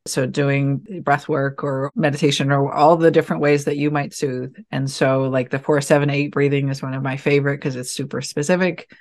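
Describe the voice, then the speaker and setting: A woman giving calm, measured and reassuring advice in a relaxed conversation. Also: rumbling low. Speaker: podcast guest.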